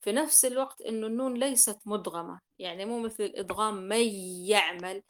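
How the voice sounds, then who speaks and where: A woman's voice: a little high, racing, a little hiss or hum. A woman teaching Quran recitation rules in a class, explaining patiently, repeating key points and sounding out examples.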